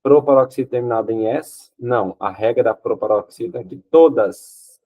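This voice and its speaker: Husky male teacher, patient step-by-step lesson. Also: mid-range voice, normal speed, narrow, tinny audio. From Brazil. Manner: explains step by step, often checks with "ok?" and answers his own questions. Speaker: Portuguese teacher. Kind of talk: exam-prep grammar lesson.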